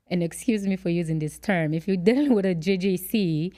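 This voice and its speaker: A woman from Angola, a guest in a casual chat among friends, talking in a relaxed, thoughtful way. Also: fairly low pitch, normal speed, no echo, clean studio sound.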